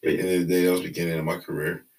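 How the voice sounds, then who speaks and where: A man's voice: deep voice, little pitch movement, very fast, a little mellow, recorded from a distance, rough recording. A young man with a Detroit accent in casual conversation as a recording artist, talking in cocky, slangy hype with lots of "bro". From Detroit, United States. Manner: cocky, slangy hype talk peppered with "bro" and "you feel me". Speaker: recording artist being interviewed. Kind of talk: casual chat.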